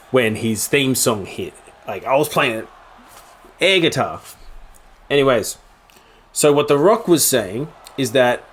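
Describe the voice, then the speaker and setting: A young man casually recapping a wrestling event, getting excited and acting out the moments with sudden high outbursts. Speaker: wrestling commentary YouTuber.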